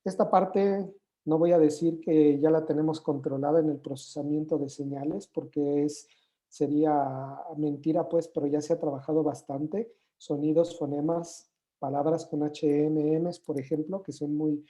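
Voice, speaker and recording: A man's voice: on the high side, level tone, moderate pace, dark tone. A man giving a university conference lecture, explaining step by step and posing rhetorical questions with fillers like "este".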